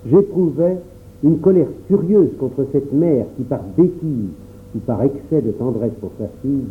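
Over a tinny, phone-like recording with a little background noise, a medium-pitched male narrator reads a first-person storybook at a calm, measured pace.

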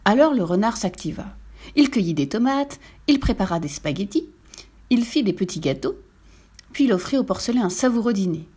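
A woman's voice: mid-range voice, animated, brisk, dark tone, breathy edge. Woman reading a children's story. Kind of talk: children's story read aloud.

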